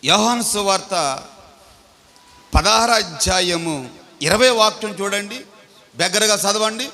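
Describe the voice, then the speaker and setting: A man's voice: high-pitched, expressive, unhurried, sharp tone. A pastor preaching a sermon, questioning his congregation and having them read scripture aloud. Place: large church hall. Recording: long hall reverb.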